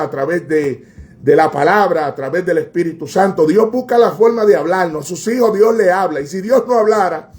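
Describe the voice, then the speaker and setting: A man's voice: sits high, a little mellow. A man preaching a fervent sermon, repeating phrases and crying out to God between lines.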